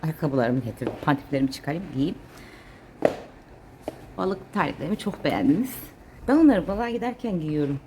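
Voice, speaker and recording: A woman's voice: low-pitched, expressive, a little fast, long pauses, background noise. A woman vlogging casually as she cleans and gardens, chatting to her viewers, her pets and her plants. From Turkey. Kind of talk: casual chat while doing chores. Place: home and garden.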